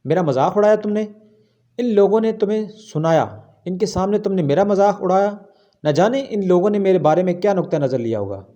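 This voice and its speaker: A hurt, furious woman cook scolds the man who mocked her, in a drama recap, as a man reads her lines. The voice rises higher and louder than the narration. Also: animated, muffled recording. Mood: angry.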